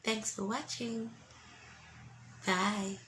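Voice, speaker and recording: A woman's voice: medium pitch, fairly even intonation, extremely slow. A woman, giving an emphatic, encouraging faith testimony in a casual vlog. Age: 50s. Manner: emphatic and encouraging, preachy asides.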